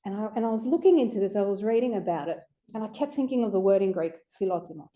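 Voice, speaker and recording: Chatty woman with a dark voice. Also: mid-range voice, animated, very fast, muffled recording. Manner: chatty and conversational, with playful asides. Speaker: astrology speaker presenting to a group. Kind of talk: informal lecture.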